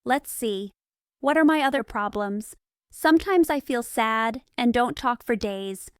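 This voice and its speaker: A calm, precise young detective, as a woman reads him in an audiobook. The voice is smooth and fairly high, with a dry, close sound and no room around it. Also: unhurried, no room sound, lightly acted. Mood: matter-of-fact. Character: sharp, eccentric young male detective.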